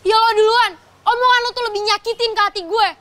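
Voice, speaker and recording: A woman's voice: very high voice, fairly even intonation, fast, bright, forceful tone. An actress playing a spoiled, scheming young woman in a TV soap, bratty and sprinkling in English phrases. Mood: spiteful. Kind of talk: TV soap acting.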